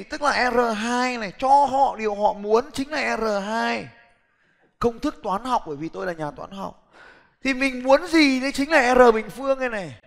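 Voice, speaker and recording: A middle-aged man giving a lively, blunt motivational business seminar talk, challenging the audience directly. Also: very high voice. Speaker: seminar speaker. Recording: long hall reverb.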